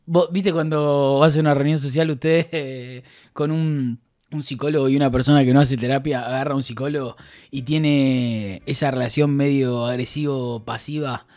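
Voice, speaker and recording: A man's voice: mid-range voice, fairly even intonation, moderate pace, a little mellow. A man with an Argentine accent chatting casually on a stream, reading out messages and rambling with crude, joking banter. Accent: Argentine Spanish.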